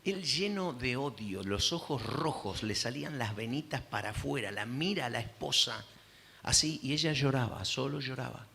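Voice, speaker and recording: A man's voice: mid-range voice, lively intonation, normal speed, creaky, pushed and bright, a little hiss or hum. A male pastor with an Argentine accent preaching a sermon, telling a story dramatically and acting out the voices. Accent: Argentine Spanish.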